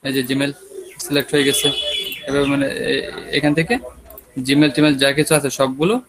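A man with a Bangladeshi Bengali accent teaches an online web design class in a casual way, and his throat sounds a bit sore. His voice is medium-pitched and level at a normal speed, and he walks students through on-screen steps while checking in with questions. The audio is poor, with slight background noise.

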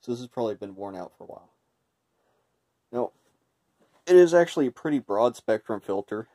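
A man's voice: mid-range voice, lively intonation, fairly quick, mellow. A man giving a casual, unscripted hands-on product review, thinking aloud in a hesitant way. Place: indoor room with tiled floor.

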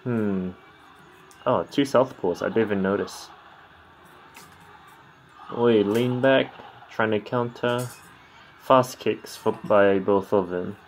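A man's voice: fairly low pitch, a little slow. A man giving casual, laid-back reaction commentary on a Muay Thai fight in sparse remarks and short interjections, over background noise. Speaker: fight commentary video creator.

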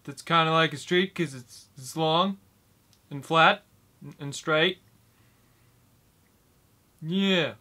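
A twenty-year-old man rambling in a comic vlog, talking slowly and haltingly with long pauses, as if doddering, in a small room at a desk microphone. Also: on the high side, sharp tone. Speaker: YouTuber. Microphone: desk microphone in front.

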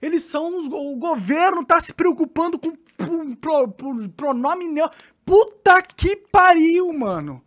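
A woman's voice: high voice, expressive, a little slow, hardly any pauses. A Brazilian woman commentating with heavy sarcasm, exasperated and swearing often. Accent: Brazilian Portuguese. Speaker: podcast commentator.

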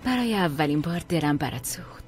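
A woman's voice: low voice, expressive, faint music behind. A voice actress dubbing a spiteful woman rival who taunts her defeated opponent with mocking pity in a TV drama. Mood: taunting. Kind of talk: dubbed TV drama.

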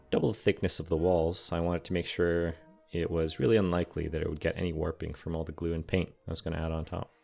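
A young man giving a calm, matter-of-fact scripted voice-over explaining how he builds a large model. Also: deep voice, gravelly. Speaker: scale model and terrain builder. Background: soft background music.

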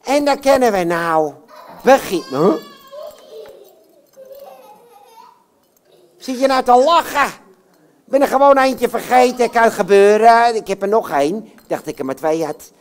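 A woman plays a cheeky male puppet hero who boasts and chats with the crowd in a live puppet show. His pitch swoops up and down with a lively bounce, and he never stops talking to the audience. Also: moderate pace, lightly acted. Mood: chatty. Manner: chatty, talks straight to the audience, boastful.

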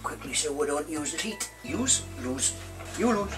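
A man's voice: on the high side, expressive, normal speed. A middle-aged man cooking in a home kitchen with his daughter, chatty and joking as he explains each step. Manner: jokey, chatty, explaining as he cooks. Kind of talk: casual kitchen chat. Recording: background music under voice.

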